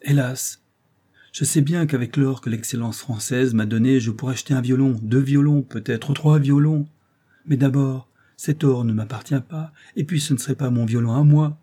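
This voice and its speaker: A man reading a storybook voices a timid, grieving orphan boy violinist who pours out his sorrow in an emphatic, lamenting way. He pitches the character above his own voice, landing at a medium pitch with a natural, moderately paced delivery and a dark, slightly husky tone.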